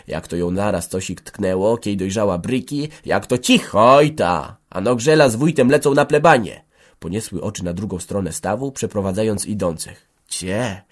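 Male audiobook narrator, low, even storytelling delivery. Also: breathy edge. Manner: steady storytelling reading. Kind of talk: scripted narration.

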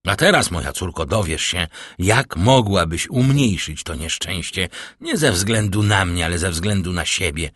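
A man's voice: low voice, lively intonation, normal speed, hardly any pauses, fairly bright tone, no room sound, studio quality. A man voicing a cold, scheming middle-aged banker who lectures his daughter with sarcastic irony. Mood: bitter irony. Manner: stern, ironic, lecturing. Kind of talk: audiobook character voicing.

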